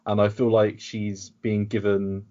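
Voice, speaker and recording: A man's voice: fairly low pitch, monotone, measured pace, dark tone, highs cut off. A British man talking in a casual podcast chat, rambling and sarcastic, with frequent restarts. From United Kingdom. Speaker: podcast guest.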